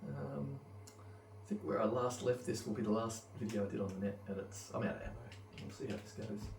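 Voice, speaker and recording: Picked up by a roomy, distant mic over faint background noise, this headphone reviewer and gamer has a lowish, creaky voice and speaks fairly quickly. His commentary on gear and play is loose and rambling, full of hesitation as he thinks out loud.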